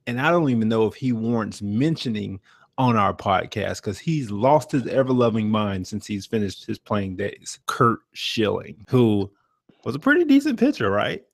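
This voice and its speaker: A man co-hosting a podcast, talking sports in an animated, slangy, joking way. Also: fairly low pitch, a little slow, vocal fry, dry recording, clean studio sound. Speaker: podcast co-host. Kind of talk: casual chat about sports.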